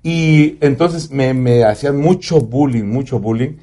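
A man with a Mexican accent, a radio announcer telling personal stories in a casual, animated way, swearing freely. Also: medium pitch, a little slow. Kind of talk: casual storytelling in an interview.

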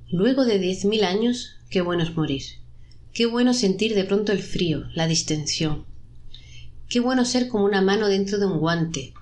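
A woman narrating a dark story, voicing the trapped souls in a raised, pleading pitch. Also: a little hiss or hum.

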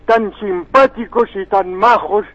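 A man's voice: high voice, fairly even intonation, unhurried, a bit bright. A man voicing a pompous, indignant 106-year-old village man who calls in to a radio show and demands respect. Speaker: caller. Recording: muffled phone line.

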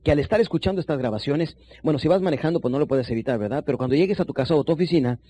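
A man teaching sales techniques, shifting between quick bursts and low, slow emphasis while speaking straight to the listener. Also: mellow, slight background noise. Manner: addresses listener directly as compañero. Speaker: sales trainer. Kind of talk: recorded sales seminar lesson.

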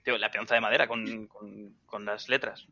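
A man chatting excitably on a podcast, casually swearing. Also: lowish voice, normal speed, creaky, slight background noise. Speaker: podcast co-host. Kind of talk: casual chat. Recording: dull lo-fi sound.

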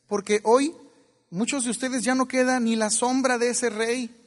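A man's voice: very high-pitched, steady tone, moderate pace, long reverb tail. A man with a Mexican accent giving a playful motivational talk to an audience, acting out voices and laughing often. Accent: Mexican Spanish. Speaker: motivational speaker.

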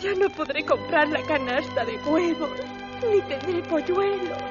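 A woman's voice: high voice, very animated, takes it slowly, heavily acted. A woman voicing a dreamy, weepy young milkmaid girl in a children's radio play, wailing in self-pity. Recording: dull radio sound with music.

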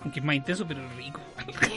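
A man with a Chilean accent co-hosting a casual chat show, animated and laughing often. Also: a little high, fast talker, vocal fry, over music. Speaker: co-host.

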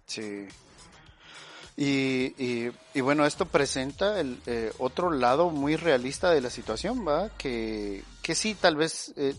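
A man, co-hosting a podcast and explaining his views at length with many verbal tags. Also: mid-range voice. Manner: talks at length, tags "¿va?" and "pongámoslo así". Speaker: podcast co-host. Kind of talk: casual opinion chat.

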